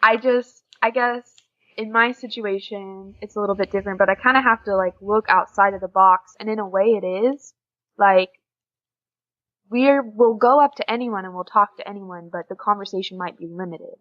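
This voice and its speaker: A young American woman, an exchange student hailing from Oklahoma, is a relaxed guest in a podcast interview. She has a mid-range voice and speaks at a moderate pace, though the recording is dull and lo-fi.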